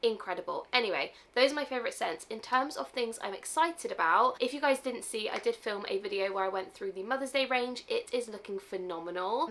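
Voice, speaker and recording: A woman's voice: medium pitch, vocal fry, a bit bright. A woman vlogger chatting casually to her viewers in a Q&A, gushing and emphatic, stretching words to stress them. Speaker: beauty product vlogger. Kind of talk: casual Q&A video chat to viewers.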